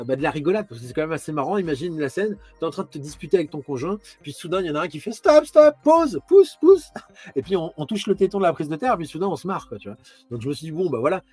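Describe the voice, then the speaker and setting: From home, a man runs a casual live stream in a slightly high voice with a breathy edge. He rambles and chats straight to the viewer, addressing them as tu, and frequently restarts his sentences.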